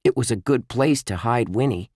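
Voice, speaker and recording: A man's voice: mid-range voice, normal speed, darkish tone, dry recording, studio quality, voice pushed up, lightly acted. A man reading a children's book aloud, voicing a practical, level-headed young boy in a lightly raised voice. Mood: matter-of-fact.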